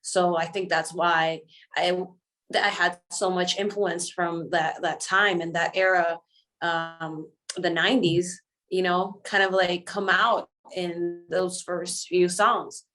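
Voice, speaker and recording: A woman's voice: on the low side, flat delivery, slow pace. Chatty woman singer, Dominican-raised. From Dominican Republic. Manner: chatty and warm, laughs often, switches between English and Spanish. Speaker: singer guest. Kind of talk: casual interview answers.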